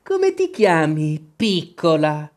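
The narrator voicing the Queen of Hearts, a stern, imperious queen who talks slowly and severely. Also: mid-range voice, huge pitch swings, darkish tone. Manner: severe, impatient, slow.

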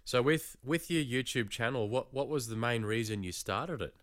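A man hosting a casual interview in an encouraging, conversational way with a smooth, clear voice. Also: medium pitch, moderate pace, fairly bright tone, dry recording, clean studio sound. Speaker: host interviewing a YouTuber.

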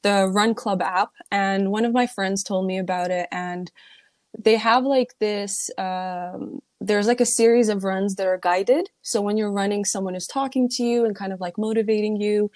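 A young woman from the Middle East or North Africa talks through her days in a loose, reflective way, full of ums and likes. Her voice sits at an ordinary pitch and sounds close and dry, with no room around it. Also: fairly even intonation, moderate pace, darkish tone, no echo. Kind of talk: casual chat.

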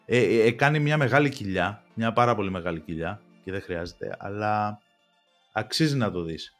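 Low-voiced man, rambling casual chat. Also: soft background music. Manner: rambling, many restarts and fillers. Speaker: podcast co-host. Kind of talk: casual chat about TV series.

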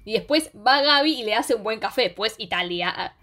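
A young woman with a Rioplatense Spanish accent, recapping a series in casual chat with quick, slangy storytelling. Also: on the high side, lively intonation, a bit bright. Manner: fast slangy storytelling, acts out characters' lines.

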